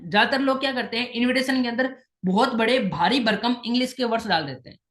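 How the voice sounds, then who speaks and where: A woman gives a coaching talk on making invitations, with a slightly high voice. She repeats her main points and slips English phrases into her talk, in the steady tone of a trainer. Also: quick pace, roomy sound. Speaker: sales trainer. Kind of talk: instructional talk on invitation skills.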